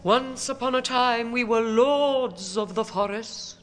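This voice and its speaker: A woman's voice: fairly high pitch, slow pace, a little hiss or hum, pitched above the performer's own voice. A woman putting on a mournful noble owl count. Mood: wistful. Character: sorrowful aristocratic old male owl count.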